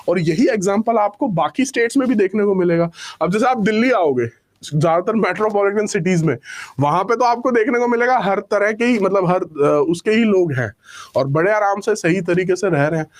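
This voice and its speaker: A man's voice: high-pitched, brisk. A young male teacher giving a live exam-prep class, explaining with rhetorical questions and English phrases mixed in.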